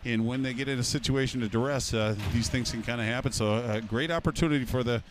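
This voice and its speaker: Fast-talking hockey color analyst, a man. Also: mid-range voice, background noise. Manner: explains plays in long analytical runs. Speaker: color commentator. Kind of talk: live hockey color commentary.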